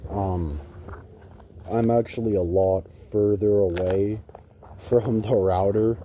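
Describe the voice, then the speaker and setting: A man's voice: deep voice, dark tone, slight background noise. A man chatting casually and rambling to his viewers as a gaming vlogger, recorded on a phone. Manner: swears casually. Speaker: gaming YouTuber.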